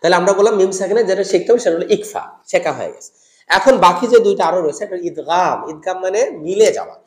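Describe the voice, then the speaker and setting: A man teaching Quran recitation rules to teachers, explaining patiently and drawing out example words in slow chant. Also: fairly high pitch, a little mellow, roomy sound. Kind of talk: tajweed lesson for teachers.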